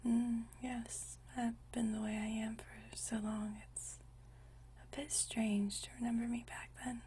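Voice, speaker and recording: This ASMR roleplay features a woman as a century-old vampire, gentle, fond and nostalgic, whispering intimately in unhurried, genteel, old-fashioned language. Her soft breathy whisper is fairly high with little pitch movement and close to an everyday voice. A distant mic picks it up along with slight background noise.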